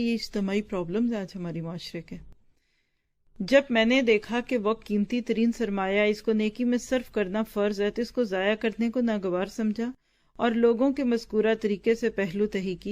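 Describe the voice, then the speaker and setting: A woman's voice: medium pitch, darkish tone. A woman Islamic teacher reading from a book to her students and explaining it, stopping to ask and answer what words mean. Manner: pauses to explain word meanings with quick questions to the class; conversational, addresses listeners directly.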